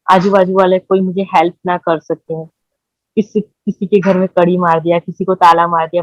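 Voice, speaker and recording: A woman, telling her own story in halting speech, with many fillers and repeated words. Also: mid-range voice, no echo, muffled recording. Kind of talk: emotional personal testimony.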